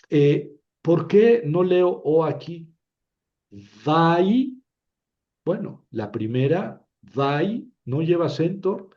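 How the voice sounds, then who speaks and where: Male teacher, patient step-by-step lesson, dark mellow tone, muffled lo-fi sound. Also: fairly high pitch. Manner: patient, repeats syllables aloud, asks "¿verdad?". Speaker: Biblical Hebrew teacher. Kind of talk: slow classroom explanation.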